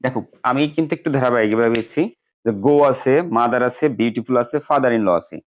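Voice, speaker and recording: Fast-talking man teaching a grammar lesson. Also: medium pitch, steady tone. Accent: Bangladeshi. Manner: patient, explains step by step, repeats key words slowly. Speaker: English teacher.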